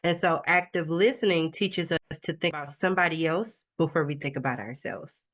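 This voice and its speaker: A woman's voice: sits low, a little fast. Woman sales coach on a zoom call, kinda preachy and upbeat, muffled audio. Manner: animated, laughing, preachy encouragement. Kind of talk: casual video call chat. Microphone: video call.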